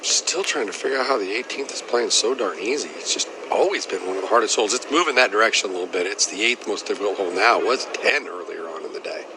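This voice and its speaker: A man's voice: fairly low pitch, lively intonation, fast talker, hardly any pauses, noisy background. A man giving conversational analysis as a golf commentator on an outdoor broadcast.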